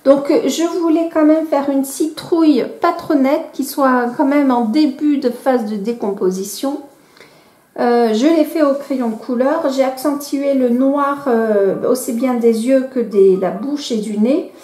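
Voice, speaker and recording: A high-pitched woman with a soft, mellow tone talks casually to her camera, hesitating and correcting herself as she goes. Her voice rings around an echoey room. Faint music plays underneath. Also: unhurried. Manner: chatty, hesitant, frequent fillers and self-corrections. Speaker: coloring vlogger. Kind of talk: casual show-and-tell vlog. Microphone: camera microphone she moves around.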